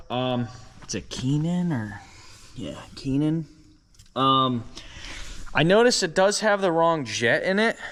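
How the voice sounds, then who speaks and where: A man chatting casually to the camera as a vlogger, relaxed and filling pauses with ums and uhs. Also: medium pitch, smooth, long reverb tail. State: out of breath after kick-starting. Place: outdoors by a driveway.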